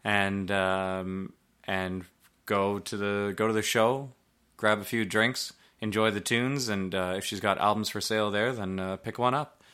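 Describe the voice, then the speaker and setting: A male podcast host with a fairly low but bright, clear voice talks in loose, casual chat. His delivery rambles, full of fillers and offhand swearing. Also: fairly even intonation, measured pace.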